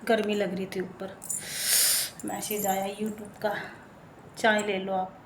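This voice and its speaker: A young woman vlogging casually from her hot home kitchen, hoarse and unwell, chatting and complaining straight to her viewers. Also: mid-range voice, level tone, takes it slowly. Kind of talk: casual chat to camera. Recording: echoey room, faint noise.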